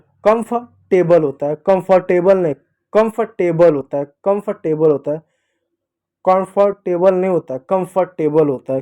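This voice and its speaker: A man's voice: fairly high pitch, warm tone. A man with an Indian accent teaching English pronunciation, emphatically repeating each word again and again. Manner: emphatic, repeats words over and over. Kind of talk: classroom lesson explaining pronunciation.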